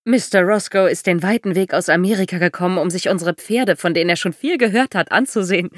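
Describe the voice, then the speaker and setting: A woman's voice: on the low side, fast talker, dry recording, clean studio sound, close to an everyday voice. A woman reading a proud, formal mother. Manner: indignant, formal. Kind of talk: audiobook reading.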